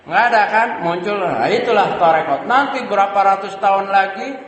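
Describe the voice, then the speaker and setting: A man with an Indonesian accent giving a religious lecture, explaining in a measured way with frequent pauses and fillers. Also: high-pitched, fairly bright tone. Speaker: preacher. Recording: roomy hall reverb.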